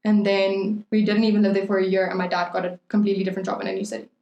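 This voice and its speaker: A woman's voice: medium pitch, monotone, racing, creaky, mellow, dull audio. Chatty young woman in a roomy echo. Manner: rambling, playful, heavy on "like". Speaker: podcast co-host. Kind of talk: casual chat.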